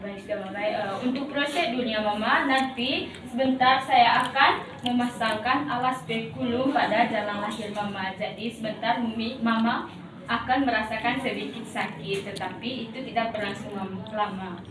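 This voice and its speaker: Echoey, higher-voiced woman, polite customer-service manner. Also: normal speed. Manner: polite, formal customer-service way of addressing the patient. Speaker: midwife demonstrating a patient examination. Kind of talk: rehearsed clinical demonstration, explaining procedure step by step. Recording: echoey room, distant mic, clear background noise.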